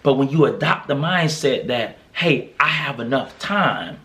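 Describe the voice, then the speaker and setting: A man's voice: mid-range voice, animated, measured pace, pushed and bright. A young man speaking, hosting a podcast as a motivational monologue, earnest and encouraging with lots of repetition. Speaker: podcast host.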